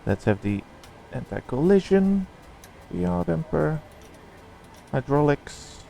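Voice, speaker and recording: A man's voice: on the high side, big pitch swings, slow pace, vocal fry, mellow, a little hiss or hum. A man giving casual running commentary on a simulated flight, thinking aloud in short fragments.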